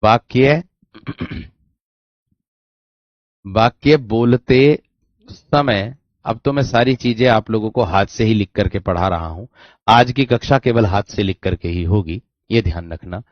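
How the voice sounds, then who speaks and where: A man's voice: lowish voice, dry recording. Guy teaching a hindi grammar class, keeps repeating stuff and checking if you got it, dry dull sound. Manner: repetitive, checks understanding, drawn-out teaching.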